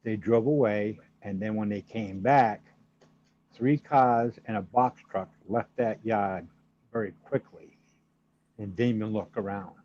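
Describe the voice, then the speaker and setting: A man's voice: fairly low pitch, measured pace. A man with a Boston accent, a caller to a talk show, speaking casually and telling what happened. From Massachusetts, USA. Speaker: phone-in caller. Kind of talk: casual call-in storytelling. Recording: dull lo-fi call audio.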